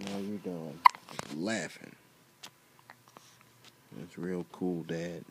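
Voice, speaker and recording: A man's voice: low voice, wildly swooping pitch, extremely slow, vocal fry, heavy background noise, voice pushed down, full character voice. A dad voicing a sassy, sulky baby girl. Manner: sarcastic, complaining. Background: loud music.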